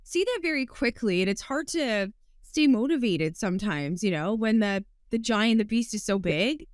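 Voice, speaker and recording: A woman's voice: medium pitch, lively intonation, moderate pace, no echo, clean studio sound. A woman hosting an interview, speaking frankly and passionately and adding short affirmations as she listens. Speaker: podcast host.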